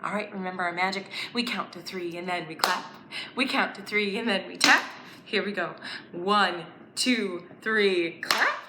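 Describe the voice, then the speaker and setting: A woman with a mid-range voice, speaking a little slowly, presents a story time for young kids. She's lively and articulates clearly while inviting them to join in with letters, songs and counting rhymes. Echo fills the room, along with faint background noise.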